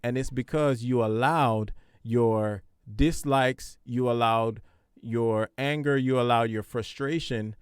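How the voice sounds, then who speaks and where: A man's voice: mid-range voice, takes it slowly, smooth, no room sound, clean studio sound. A man hosting a podcast, giving casual parenting advice in a conversational, repetitive, preachy way. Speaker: podcast host.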